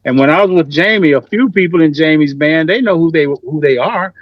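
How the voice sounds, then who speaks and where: A man heard over a video call tells his stories in an emphatic, plain-spoken way. His voice sits slightly high. The call line is muffled and dry. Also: brisk, dry recording. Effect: remote video call audio. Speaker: musician guest. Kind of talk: casual interview storytelling. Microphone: computer mic on a video call.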